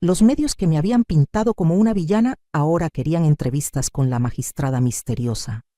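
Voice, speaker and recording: A woman's voice: low voice, fairly quick, mellow, no room sound, studio quality. A woman narrating a dramatic story in the first person, in a composed, firm manner.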